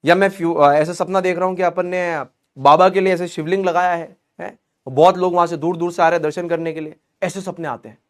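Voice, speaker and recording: High-voiced man teaching a lively class. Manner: chatty, joking, switches between teaching and banter. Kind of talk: online class lecture.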